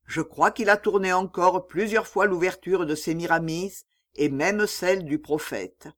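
An audiobook narrator reading a literary story aloud in an expressive storytelling manner. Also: medium pitch, a little slow.

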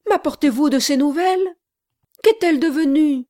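A woman voicing a high exclaiming stout bride. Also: moderate pace, mellow, dry recording, studio quality, natural voice. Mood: anxious. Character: stout newly married woman, emotional and warm-hearted. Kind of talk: audiobook character reading.

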